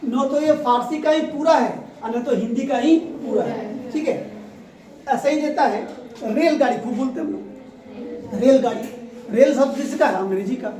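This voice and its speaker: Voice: sits high, normal speed, a crowd in the background. A teacher leading a grammar revision lesson, asking the class questions and repeating the key answers. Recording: echoey room, voice from far off.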